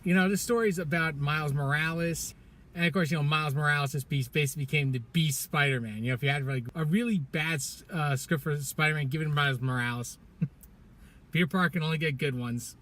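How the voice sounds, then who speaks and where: In a parking garage, a man reviews a film casually in a fairly high, slightly bright voice at a quick pace. He chats loosely, laughs often, and stumbles over his words.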